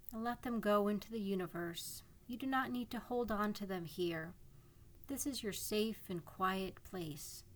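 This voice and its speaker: A woman leads a guided meditation at a very unhurried pace. Her delivery is calm and soothing, with long pauses between phrases. Her pitch sits in a middle range for a woman. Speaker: psychotherapist guiding a meditation. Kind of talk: guided imagery meditation narration.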